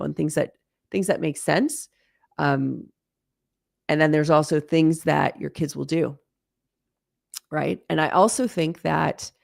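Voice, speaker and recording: A woman's voice: deep voice, creaky, no room sound, studio quality. A woman in her forties hosting a live-stream Q&A, talking in a chatty, candid way with plenty of fillers. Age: 40s. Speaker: host.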